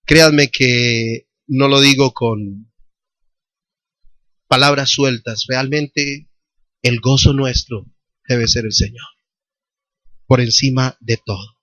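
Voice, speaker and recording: A man's voice: mid-range voice, fairly even intonation, slow pace, pauses often, no room sound. A male pastor with a Colombian accent preaching a sermon, telling a personal story and then calling out questions to the congregation. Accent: Colombian Spanish. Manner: testimony told with quoted dialogue, rising to fervent call-and-response. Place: church hall. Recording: church recording with loud worship music.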